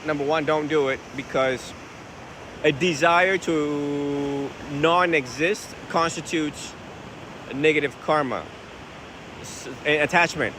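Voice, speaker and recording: A Buddhist monk from Vietnam talks through viewers' questions in a loose, conversational manner, often posing rhetorical questions. His voice sits a little high for a man. He records outdoors on a phone by the ocean, with plain wind and waves in the background. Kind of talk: casual outdoor Q&A talk.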